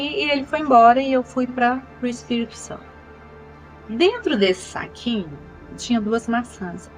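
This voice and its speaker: Woman in her 60s with a higher voice. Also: low-quality recording. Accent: Brazilian Portuguese. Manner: earnest, repeats phrases for emphasis. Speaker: channel host. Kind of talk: personal life testimony.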